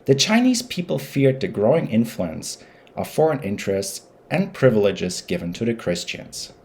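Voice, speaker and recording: A man with a German accent hosting a history channel, narrating history in a careful, measured way. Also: fairly low pitch, a little mellow.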